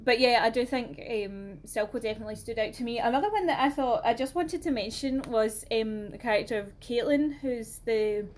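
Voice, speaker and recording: A woman's voice: on the high side, normal speed, few pauses, slight background noise. A Scottish woman co-hosting a podcast, chatting expressively about film. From Scotland. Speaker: podcast co-host. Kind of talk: casual film discussion.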